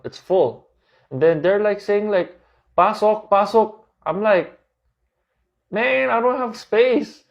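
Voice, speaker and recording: Korean-accented young vlogger, unhurried, laughing storyteller, slightly higher voice, dull lo-fi sound. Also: male voice. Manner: laughs often, mixes in Tagalog, says "like" a lot. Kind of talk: casual storytelling.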